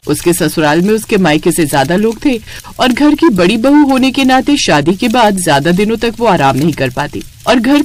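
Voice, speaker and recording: A woman narrating a scripted cartoon story in a plain, steady way. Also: medium pitch, slight background noise.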